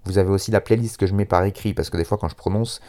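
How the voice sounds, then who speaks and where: A man's voice: low voice, steady tone, very fast, warm tone. A man with a French accent casually presenting a radio music show on his own, hesitant and self-deprecating as he goes.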